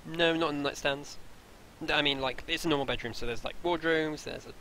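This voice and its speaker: A man's voice: a little high, fairly quick, bright, forceful tone, rough recording. A man running a tabletop role-playing game, narrating the scene with many fillers and restarts. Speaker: game master.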